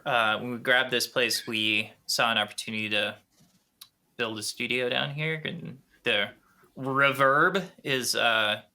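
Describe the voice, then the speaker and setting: A man with a Minnesotan accent, a podcast guest chatting casually over a video call, talking haltingly with many restarts. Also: mid-range voice, steady tone, sharp tone. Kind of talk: casual chat.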